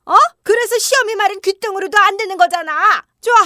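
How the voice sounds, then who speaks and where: A very high, bright voice of a scheming mother-in-law, played by a woman, scolding her daughter-in-law with sighs and contempt. The sound is close and dry, like a storybook drama. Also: fast talker, no room sound. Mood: scornful.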